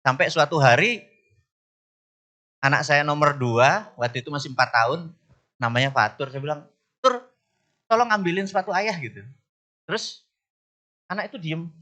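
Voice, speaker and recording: A middle-aged man telling stories from his life to an audience, animated, often jumping high in pitch to act out other people and asking the crowd whether he is right. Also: moderate pace, pauses often. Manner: asks the audience "bener nggak?". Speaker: business speaker. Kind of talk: storytelling talk to an audience.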